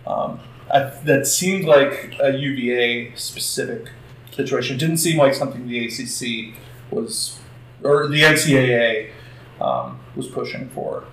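A man's voice: mid-range voice, a little slow, fairly bright tone. A man co-hosting a podcast in casual chat, hesitant and full of restarts and hedging. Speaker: podcast co-host. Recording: echoey room.

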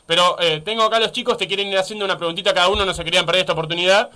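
A man's voice: high voice, steady tone, very fast, pushed and bright. A man with an Argentine Rioplatense accent hosting a radio interview. He is chatty and eager and agrees with his guest often. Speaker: radio host.

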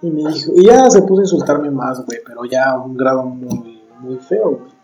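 Young mexican guy w a soft mellow tone, casual slangy storytelling, swears a lot, dull audio, faint music. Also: mid-range voice, brisk. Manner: slangy, profane, emphatic. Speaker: podcast host. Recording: dull sound, music behind.

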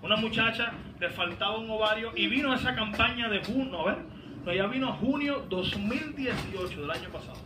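Fervent pastor in an echoing hall. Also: male voice, high-pitched, a little fast. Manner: fervent, rising to shouts, teasing asides. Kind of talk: sermon. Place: large hall, voice heard from a distance. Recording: echoey hall, distant mic, background noise.

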